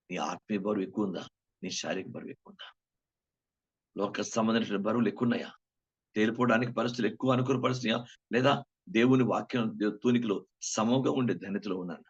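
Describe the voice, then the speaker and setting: A man preaching a sermon as a pastor, building to loud emphatic bursts and then sinking into a hushed, prayerful tone. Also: lowish voice, vocal fry, slightly rough, muffled recording.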